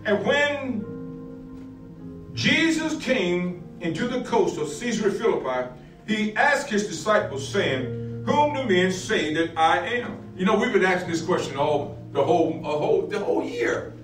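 A man's voice: sits high, very animated, a little slow. A middle-aged man, a pastor, teaching a Bible lesson, repeating phrases and building to emphatic peaks. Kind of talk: sermon-style Bible lesson. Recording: roomy, distant echo with faint music.

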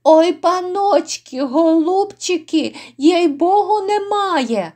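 A woman's voice: high voice, big pitch swings, takes it slowly, a little mellow, pitched above the performer's own voice, full character voice. A woman voicing a frightened, cringing old male innkeeper who pleads and wails. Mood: pleading. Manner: pleading, wailing.

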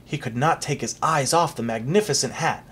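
A reader narrating a storybook aloud for a child in an expressive, animated way. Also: mid-range voice, moderate pace, slightly rough.

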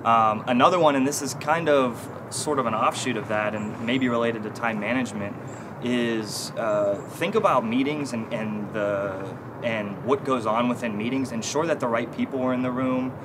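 A man in his thirties talks through his ideas in a measured, mid-pitched voice, stopping often to rephrase. He sits on a bench in an urban courtyard, with clear traffic and city noise behind him. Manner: thoughtful, many fillers and restarts. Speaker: consulting team lead, guest. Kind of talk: corporate interview.

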